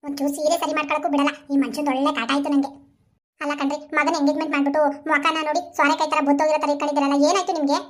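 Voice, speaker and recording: A young cartoon wife, voiced by a woman, caught between her husband and her mother. She speaks high and quick, with an anxious, scolding edge. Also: level tone, faint music behind, natural voice. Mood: flustered. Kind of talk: animated comedy cartoon voice.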